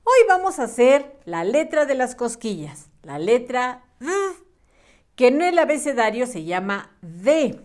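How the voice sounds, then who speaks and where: Lady teacher, super slow and patient, stretches out words for little kids. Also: on the high side, sing-song, a little mellow. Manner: patient, sing-song, draws out words and syllables. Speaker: primary school teacher. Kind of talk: slow, clear early-reading lesson for small children.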